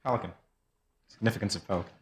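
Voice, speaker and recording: A man's voice: fairly low pitch, racing. A man hosting a talk show, interviewing in a casual conversational style. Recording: clear background noise.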